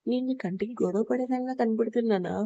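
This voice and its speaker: A woman's voice: a little high, quick pace, mellow, dry recording, muffled recording. A woman voicing a feisty young heroine who talks back with mocking sarcasm. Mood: sarcastic.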